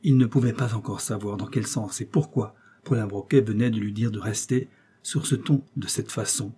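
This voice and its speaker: A male audiobook narrator with a husky, dark voice, reading an adventure novel with measured, dramatic storytelling. His delivery is steady and scripted. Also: lowish voice.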